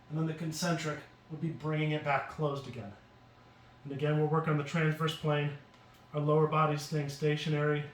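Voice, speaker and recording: Brief: male fitness instructor, slightly high, even delivery, casual demo patter, roomy echo from a distant camera. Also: slight background noise. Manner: explains while demonstrating moves, casual and plain. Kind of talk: exercise demonstration lesson. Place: home basement. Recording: roomy echo from far off, faint ambience.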